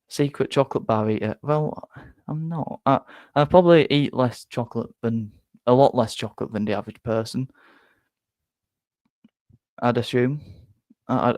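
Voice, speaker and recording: A young Yorkshire man, a football fan streamer, reads out chat during a casual live stream. His mid-range voice is a bit nasal and flat, and he rambles self-deprecatingly, stumbling and repeating words. The sound is dry and close.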